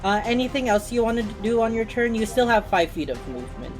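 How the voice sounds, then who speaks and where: A woman's voice: on the high side, sing-song, fast, over music. A woman casually running a tabletop game as game master, explaining things in an accommodating way.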